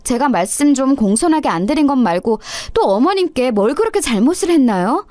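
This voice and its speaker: A woman's voice: high voice, big pitch swings, a little fast, darkish tone, dry recording. A woman voicing an insolent young daughter-in-law who talks with sarcastic, overly polite mockery. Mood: defiant.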